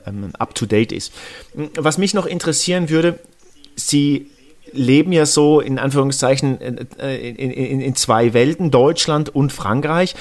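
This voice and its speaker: A male podcast host interviewing his guest in a plain, mid-pitched voice. He talks hesitantly, restarting phrases and searching for the right words before he gets to his question. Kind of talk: conversational interview.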